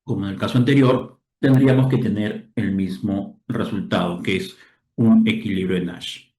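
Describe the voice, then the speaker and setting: A man's voice: lowish voice, fairly even intonation, normal speed, a little mellow. A man explaining a game theory lecture step by step, often checking with his listeners as he goes. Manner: explanatory, keeps checking with "¿correcto?" and "¿no?". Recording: roomy echo.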